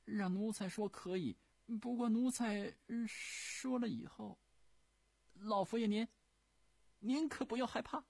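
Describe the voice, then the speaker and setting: A man voicing a sly, fawning male eunuch servant at an imperial court, wheedling and shrill. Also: measured pace, vocal fry, darkish tone, no echo, heavily acted.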